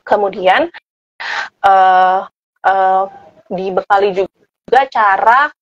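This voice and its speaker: A woman explaining parenting advice in a relaxed interview, filling pauses with soft "eh" sounds and casual tag words. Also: medium pitch, dry recording. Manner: relaxed, full of "eh" fillers and "gitu" tags. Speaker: parenting expert guest. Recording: dull, dry lo-fi recording.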